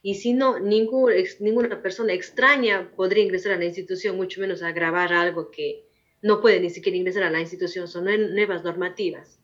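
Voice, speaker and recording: A woman's voice: on the low side, steady tone, fairly quick, a bit bright. A woman in her forties, a veteran teacher, answering interview questions in a firm, repetitive, explaining manner. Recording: muffled lo-fi recording.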